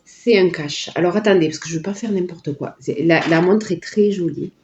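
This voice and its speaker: A woman's voice: fairly low pitch, moderate pace, a little mellow, lo-fi sound, slight background noise. A woman chatting casually and delightedly through a sponsored unboxing, full of little filler words. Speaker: vlogger unboxing a product.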